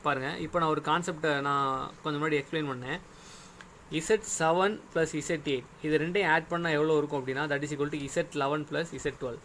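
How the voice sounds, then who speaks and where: Patient male lecturer, slightly high voice. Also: quick pace, fairly bright tone, slight background noise. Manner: patient, step-by-step, often checks "okay?". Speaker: engineering lecturer. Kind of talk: recorded classroom lecture.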